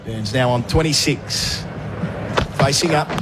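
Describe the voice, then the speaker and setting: A man's voice: mid-range voice, a little slow. A man giving live ball-by-ball cricket commentary, conversational and putting questions to his co-commentators. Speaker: cricket commentator, lead caller. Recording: steady outdoor ambient noise.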